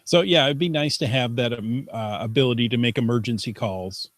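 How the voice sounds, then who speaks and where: A man's voice: medium pitch, brisk, fairly bright tone, dry recording. A man co-hosting a casual podcast over a video call, chatty and reading news aloud with playful asides. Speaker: podcast co-host.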